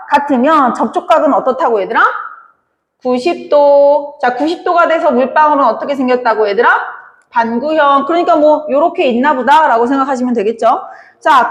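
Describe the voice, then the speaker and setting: A woman teacher giving an online lecture, asking her students questions and answering them herself. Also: high-pitched. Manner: often addresses listeners as kids. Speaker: Korean language teacher. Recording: echoey room with long reverb.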